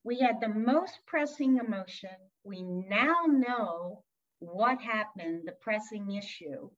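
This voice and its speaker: A woman's voice: mid-range voice, expressive, slow pace, lo-fi sound. A woman who practises tapping, chatting casually on a podcast and telling a story, often repeating her words.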